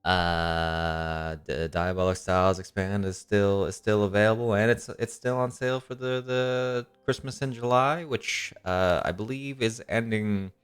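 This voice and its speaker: Still recovering from an illness and tooth surgery, a young man acts as dungeon master, hosting and recapping a tabletop game. His low, clean, slightly nasal voice has fairly even intonation and a somewhat slow pace with few pauses, though he uses many ums and uhs; soft music plays behind him.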